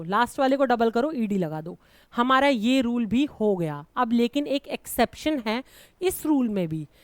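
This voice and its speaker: Woman, English teacher; high voice, patient and repetitive, addresses students as "beta"; dry sound. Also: no room sound. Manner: repeats key rules, calls students "beta". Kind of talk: classroom-style grammar lesson.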